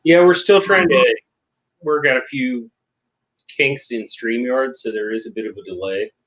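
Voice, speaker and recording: A man co-hosting a casual livestream discussion over a video call, relaxed and conversational. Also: mid-range voice, unhurried, rough recording. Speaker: co-host.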